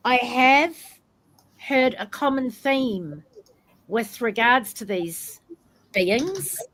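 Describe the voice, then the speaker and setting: A woman's voice: on the high side, poor audio. A woman with a New Zealand accent hosting a casual podcast discussion in a chatty, informal way. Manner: chatty, informal, greets in Maori. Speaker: podcast host.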